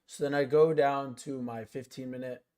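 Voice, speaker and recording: A man talks his chat through a live trading session in a relaxed, slangy manner. His pitch sits in an ordinary middle range, and he breaks setups down step by step between offhand asides. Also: normal speed, smooth. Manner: laid-back slangy talk, lots of "like", "bro" and "yo". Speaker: day trader streaming live. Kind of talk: casual live-stream trading commentary.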